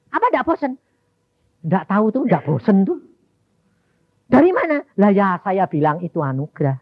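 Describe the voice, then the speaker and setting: A man's voice: high voice, dry recording. A man preaching a sermon, telling a personal story and acting out the dialogue. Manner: storytelling, mixing in Javanese words, acting out dialogue. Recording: tinny phone-like dry sound.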